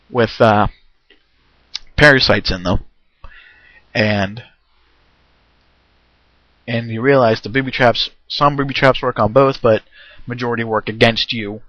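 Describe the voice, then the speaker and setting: Male home game reviewer, casual and rambling, throat-clearing, lo-fi dry recording. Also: mid-range voice, fairly bright tone, dry recording. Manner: rambling, with many fillers and restarts.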